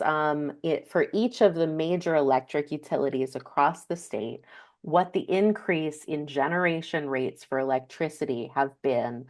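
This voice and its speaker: Low-voiced woman presenting slides. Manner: explanatory, frequent ums and self-corrections. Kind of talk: slide presentation on energy costs.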